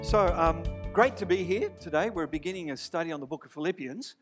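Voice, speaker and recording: A man's voice: fairly high pitch, lively intonation, a little fast, music in the background. A man preaching a sermon to a live church congregation, chatty and joking with them as he talks. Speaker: pastor.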